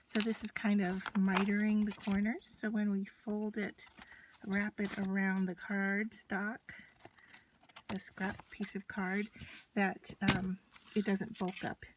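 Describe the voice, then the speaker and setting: A woman with a mid-pitched voice presents a casual, unscripted craft tutorial. She explains each step as she works with her hands. Noise is audible behind her, with scratching and clicks from the materials she handles. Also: little pitch movement, slow. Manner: instructional, talking through each step while working with her hands.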